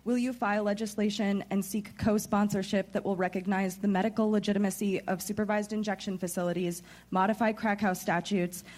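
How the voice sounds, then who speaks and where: A woman in the audience at a town hall reading out a prepared policy question. Her voice is of middling pitch, and her delivery is formal and measured. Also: darkish tone.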